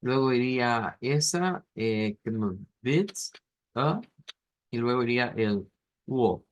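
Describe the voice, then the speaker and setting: A man's voice: medium pitch, lively intonation. A male teacher explaining pronunciation in a class, saying each word several times and breaking it into syllables. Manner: repeats words slowly, splitting them into syllables.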